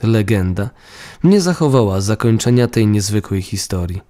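Low, mellow male storyteller. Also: expressive, moderate pace. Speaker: narrator. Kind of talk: storybook narration.

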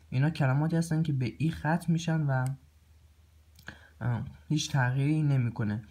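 A man teaching a recorded grammar lesson. He pauses often with filler sounds and clears his throat now and then. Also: mid-range voice. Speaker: language teacher.

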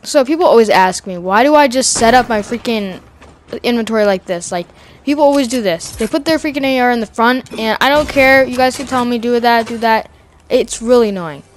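A woman talking casually over her own gameplay, excitable and slangy, yelling and laughing at the game. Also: a little high, brisk, a little hiss or hum. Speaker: gamer streaming gameplay.

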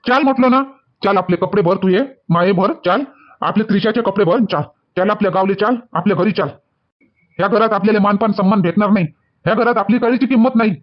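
A man's voice: high voice, quick pace, natural voice. A man with a Varhadi Marathi accent playing a touchy young son-in-law who scolds and repeats himself, angry at feeling slighted. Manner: shouting, repetitive scolding. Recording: dull lo-fi sound.

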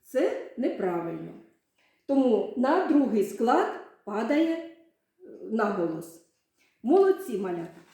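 This primary school teacher's voice is a little high and dark, with big pitch swings, and she takes it slowly with long pauses. She patiently stretches out words to reveal their syllables for young children in a literacy lesson, and the room is very echoey.

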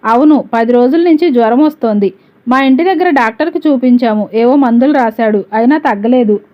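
A woman's voice: a little high, brisk, close to an everyday voice. A woman reading the part of a grief-stricken father in a spoken story, her voice trembling and pleading, on a dull lo-fi recording. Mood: anguished.

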